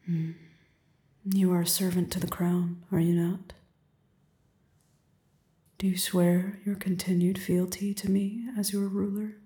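A woman playing a commanding, seductive queen, speaking slowly and imperiously and often dropping to a whisper. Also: on the low side, level tone, mellow, natural voice. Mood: regal, commanding. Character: commanding, seductive adult queen on her throne. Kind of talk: audio roleplay. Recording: roomy echo.

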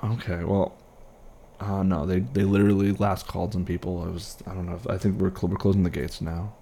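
A man playing an easygoing airline pilot, chatting casually and haltingly with a colleague in a one-sided role-play. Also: low voice, level tone, vocal fry, dark tone, a little hiss or hum. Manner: casual, halting, reassuring co-worker chat.

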